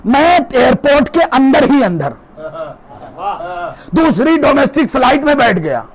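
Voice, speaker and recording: A male cleric delivering an impassioned religious sermon with an Indian Urdu accent, moving between quiet storytelling and shouted declamation. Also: sing-song, a little slow. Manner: oratorical, swings from low storytelling to shouted declamation. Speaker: cleric giving a majlis sermon. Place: gathering hall with a crowd.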